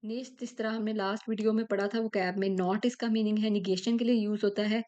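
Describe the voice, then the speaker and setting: A woman's voice: mid-range voice, fairly even intonation, warm tone, highs cut off. A woman teaching a German lesson, explaining step by step and checking in with the listener often. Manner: slow, explains step by step, ends phrases with "ठीक है?". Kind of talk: language lesson explaining textbook.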